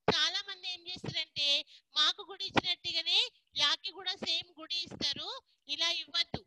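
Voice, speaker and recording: A woman's voice: extremely high pitch, bright, forceful tone, slight background noise, low-quality recording. A woman teacher, giving a patient online class to young children and mixing in English words. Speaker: primary school teacher.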